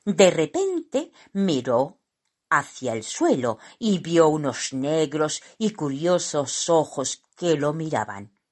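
A woman narrating a children's storybook in an expressive, unhurried manner. Her voice sits fairly low for a woman, yet rises and falls with plenty of color. She reads slowly and carefully, letting each phrase land. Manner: expressive, unhurried reading aloud.

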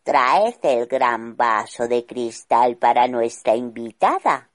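Woman doing a gruff, mocking gnome king. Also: very deep voice, expressive, takes it slowly, no echo, full character voice.

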